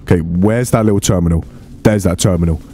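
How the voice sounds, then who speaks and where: A man's voice: deep voice, quick pace, warm tone, a little hiss or hum. A man giving casual gameplay commentary, swearing freely and talking to the game's characters in bursts of exasperation. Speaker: let's play host.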